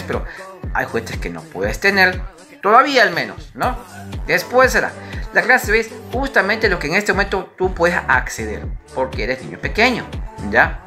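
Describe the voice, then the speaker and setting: A woman's voice: low voice, sharp tone. A woman teacher giving a recorded lesson to young children, chatty and patient, asking questions and having them repeat words after her.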